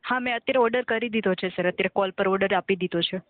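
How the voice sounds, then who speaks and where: A woman with a medium-pitched voice talks fast as a formal, courteous customer care agent, often checking that the caller agrees. It's scripted, polite phone service talk over a telephone line that sounds tinny, with no room sound.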